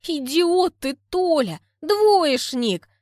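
A woman voicing a loud, short-tempered village woman with a deep throaty voice, who snaps curt insults between pants. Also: very animated, drawn-out words, dry recording, clean studio sound, full character voice. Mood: scolding. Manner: shouting curt insults, panting.

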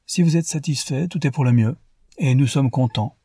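A man's voice: mid-range voice, moderate pace, mellow, slightly rough, no echo, clean studio sound, voice pushed up. A man voicing a cold, stiff French marquis in an audiobook, with a solemn, formal manner.

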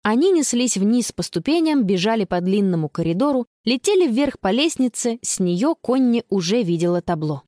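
A woman narrating a children's audiobook in an expressive, dramatic manner. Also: on the high side, moderate pace, few pauses, dry recording, studio quality.

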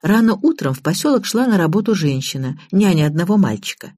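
A woman narrates a first-person audiobook in an even, matter-of-fact tone. Her voice is low and husky, with a mellow, dark colour. The recording is dry and close. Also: a little fast, no echo.

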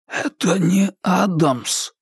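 A man voicing an anxious male writer in a whispered role-play, his whisper tense and halting. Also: sits high, husky, no room sound, studio quality, pitched above the performer's own voice, exaggerated voice.

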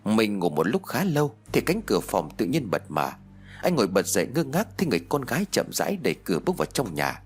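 A man narrating a ghost story audiobook in an expressive storytelling manner. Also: on the low side, fast talker, husky.

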